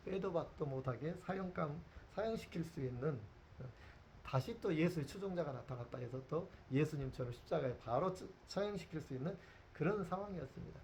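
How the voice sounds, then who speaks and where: A man's voice: on the high side, animated, fairly quick, a little mellow, a little hiss or hum. Male pastor preaching a vivid sermon. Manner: storytelling preacher who acts out scenes and asks the congregation questions.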